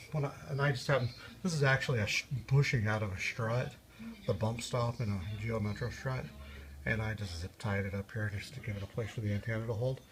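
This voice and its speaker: A vlogger walks through a casual, unscripted DIY car how-to, thinking aloud in a halting, rambling way. His voice sits on the low side, and there's a little hiss or hum on the recording.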